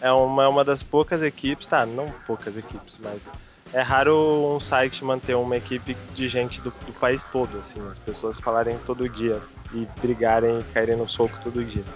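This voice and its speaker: A man with a Brazilian accent hosting a casual podcast, reading out listener questions in a relaxed, self-mocking way. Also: mid-range voice, moderate pace, soft background music. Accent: Brazilian Portuguese. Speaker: podcast host.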